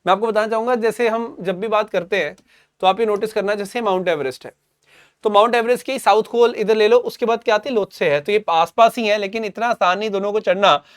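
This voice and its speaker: A man's voice: sits high, fast, smooth, no echo, studio quality. A man with an Indian accent teaching current affairs for exam preparation, explaining simply and mixing English phrases into Hindi while repeating key points. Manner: calls students "beta".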